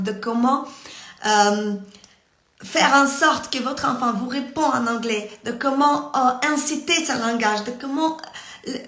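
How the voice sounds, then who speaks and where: A woman's voice: high-pitched, fairly bright tone. Hesitant woman teacher, echoey room. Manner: halting, many fillers and restarts. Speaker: English teacher coaching parents. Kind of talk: live-stream lesson.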